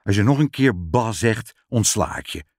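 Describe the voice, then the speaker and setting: A man voicing a dignified, indignant old saint in a lowered, solemn voice. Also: lively intonation, moderate pace, no room sound, studio quality. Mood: stern.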